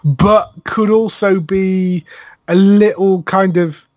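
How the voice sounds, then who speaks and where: Man with a slightly high voice, affirming casually. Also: steady tone, slow, a little mellow, dry recording. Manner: affirming with frequent "yeah", lists facts at length. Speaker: podcast co-host. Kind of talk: casual chat reviewing a TV series.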